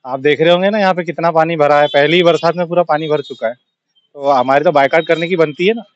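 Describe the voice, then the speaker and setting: High-voiced indignant shopkeeper, lo-fi. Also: male voice, fast, dry recording. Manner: indignant, emphatic complaining. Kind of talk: street interview.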